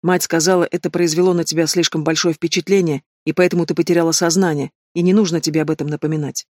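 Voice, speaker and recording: A young noble brother, read by a man, loyal to the family and reproachful. The voice sounds fairly high, close and dry, like a storybook read. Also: level tone, quick pace, no room sound, lightly acted. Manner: reproachful, evasive.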